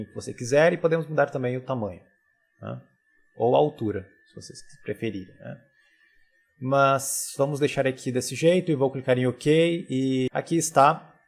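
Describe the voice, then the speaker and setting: A man, teaching a software tutorial over a screen recording in a relaxed, casual way full of tag questions. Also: mid-range voice, creaky.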